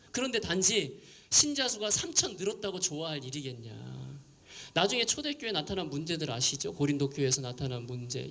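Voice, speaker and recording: A man's voice: a little high, gravelly, fairly bright tone. A man preaching a sermon at a youth prayer gathering in a church, speaking in a conversational and emphatic way. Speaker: pastor. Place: church sanctuary.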